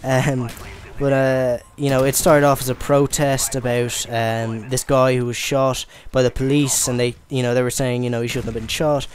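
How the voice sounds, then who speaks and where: A man's voice: medium pitch, flat delivery, moderate pace, hardly any pauses. A young man from Ireland giving casual commentary over gameplay, rambling and stammering with lots of fillers. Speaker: gaming commentator.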